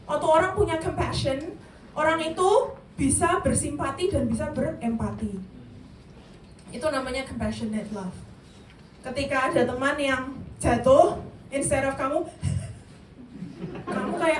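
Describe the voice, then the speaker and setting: A woman's voice: sits high, recorded from a distance. A woman giving an interactive youth sermon, questioning her listeners directly and mixing in English. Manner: lively, questions the audience directly. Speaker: youth service speaker. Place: church meeting room. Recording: echoey room, voice from afar, faint hiss.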